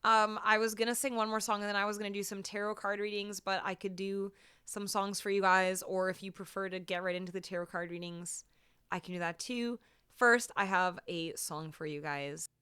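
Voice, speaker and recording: A woman's voice: mid-range voice, steady tone, fairly quick, pushed and bright, clean tone. A woman with a Canadian accent chatting casually on a music livestream, thanking viewers in a cute, gushing way. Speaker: music streamer.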